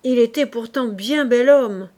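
A woman's voice: fairly high pitch, unhurried, darkish tone, lightly acted. Woman voicing a tart canteen keeper. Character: sharp-tongued female camp canteen keeper.

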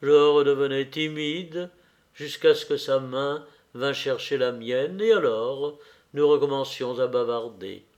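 A man narrating a literary novel aloud in an expressive, measured, emotional way. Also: mid-range voice, highs cut off. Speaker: audiobook narrator.

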